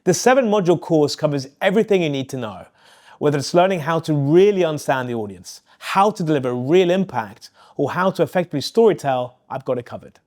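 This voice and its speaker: A man's voice: fairly high pitch, animated, fast, darkish tone. Friendly man in his forties hosting a podcast. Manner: friendly, probing, promotional in the ad read. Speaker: podcast host and interviewer. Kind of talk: interview questions and ad read.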